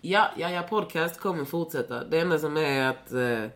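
A woman's voice: deep voice, a bit bright. A young woman in casual chat as a podcast guest, rambling with many fillers and swearing freely.

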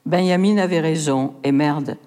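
A woman's voice: deep voice, moderate pace, mellow. A woman reading personal letters aloud with a frank, impassioned delivery at a poetry performance. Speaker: reader in a literary performance. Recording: long hall reverb.

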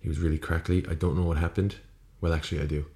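Racing through his words, a very low-voiced man from Ireland rambles casually on his solo podcast, flat in tone, correcting himself and tossing in offhand swearing. He records with a USB podcast microphone in a small, echoey indoor room with poor acoustics.

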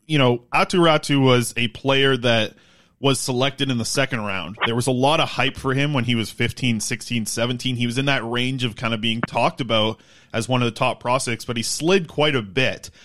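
A man with an average-pitched voice hosts a sports podcast. He interviews in a casual, chatty way. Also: moderate pace, fairly bright tone.

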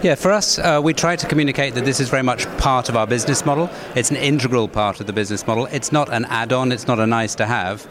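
A man giving measured, businesslike interview answers as a corporate executive. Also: medium pitch. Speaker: investor relations executive, interviewee. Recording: busy crowded event, background chatter. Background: crowd noise.

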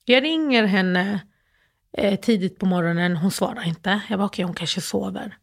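A middle-aged woman from Sweden speaks as an interview guest, telling her story in halting phrases. She fills her speech with fillers and restarts and acts out the old phone calls in her own voice. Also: medium pitch, creaky. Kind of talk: personal interview, emotional storytelling.

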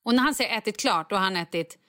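A woman, a mother of a small child, chatting casually and telling stories with lively acted-out quotes. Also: mid-range voice. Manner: animated storyteller who acts out quotes. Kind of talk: casual chat.

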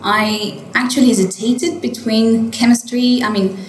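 Interviewed in a hotel wine cellar, this winemaker from France, a woman in her late twenties, speaks accented English and keeps stumbling into fillers and restarts. Her slightly high voice stays fairly even and a little slow, while the room echoes and the audio quality is poor.

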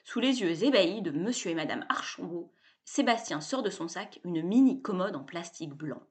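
A woman narrating a children's story in a playful, expressive way. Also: fairly low pitch, moderate pace.

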